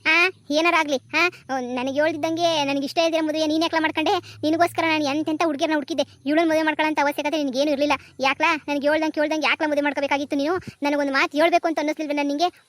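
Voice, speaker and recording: A woman voicing a bossy, scheming middle-aged village mother in a cartoon comedy, with a rapid, scolding delivery. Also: high-pitched, fairly even intonation, no room sound, lightly acted.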